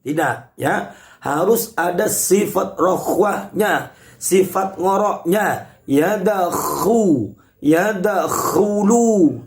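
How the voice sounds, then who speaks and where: A man leads an online recitation lesson, addressing his listeners as a congregation. He speaks slowly and patiently, explaining each rule step by step. His voice is fairly high for a man. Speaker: Quran recitation teacher.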